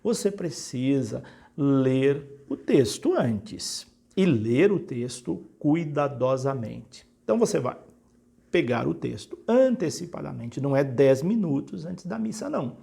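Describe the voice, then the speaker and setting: Priest guy explaining stuff slow and steady, bit of fry in his voice. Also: medium pitch. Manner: calm, didactic, addresses the listener directly with step-by-step advice. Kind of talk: spoken instruction.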